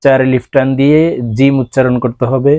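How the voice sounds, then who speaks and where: A man teaching Arabic letter pronunciation, with a Bangladeshi Bengali accent, explaining calmly and then drawing out each letter in long sung tones. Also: mid-range voice, clean tone, no room sound. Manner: slow, drawn-out sung letter sounds between calm explanations. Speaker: Quran teacher.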